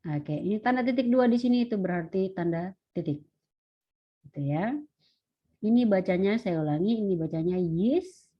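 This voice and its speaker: A woman lecturer teaches an online lesson in a patient, step-by-step way, slowing down to sound out each word. Her voice sits in a middle pitch. The audio is dull and lo-fi. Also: expressive. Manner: patient, explains step by step, slows to sound out words.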